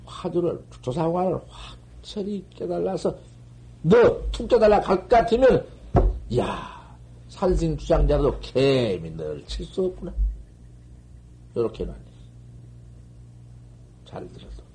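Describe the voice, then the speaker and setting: An older man giving a Buddhist dharma lecture on koans, scolding and animated, swinging from loud outbursts to murmurs, on an old 1970s tape. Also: a little high, unhurried, long pauses, a little hiss or hum, low-quality recording. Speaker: Zen master giving a dharma talk.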